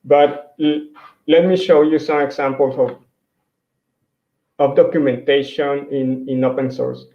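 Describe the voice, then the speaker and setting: A Mexican conference speaker whose first language is Spanish presents a virtual tech talk with slides at an ordinary pitch and fairly even intonation. He hesitates often, leaning on fillers and restarting sentences. His computer mic on a video call picks him up in an echoey room, giving a somewhat dull, lo-fi sound.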